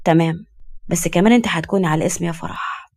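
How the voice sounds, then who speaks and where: A woman voicing a gruff former army officer in his thirties, with an Egyptian accent and a curt, scolding way of talking. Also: on the low side, rapid-fire, darkish tone, voice pushed down. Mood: stern.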